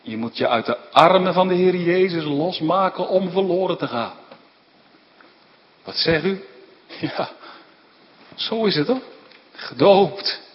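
Slow, earnest pastor preaching in a reverberant church. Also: male voice, high voice, lively intonation. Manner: earnest, swings from hushed tender asides to rising fervent emphasis. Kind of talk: sermon. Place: church hall. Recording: dull lo-fi church recording with long reverb.

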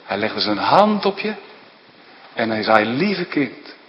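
Slow preacher guy, sermon in a big echoey church, voice climbs way up on the big words then goes quiet. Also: fairly low pitch, big pitch swings, highs cut off, slight background noise. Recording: long church reverb.

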